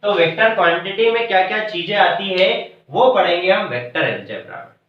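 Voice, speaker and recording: A man's voice: sits high, animated, a little fast. A man teaching a math class, explaining step by step and answering his own questions. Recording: echoey room from far, dull lo-fi sound.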